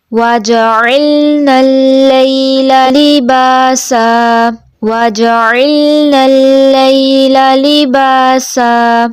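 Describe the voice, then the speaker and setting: A woman teaching Quran pronunciation, reciting verses slowly and drawn out, then explaining quickly in between. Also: on the high side, warm tone, dry recording, studio quality.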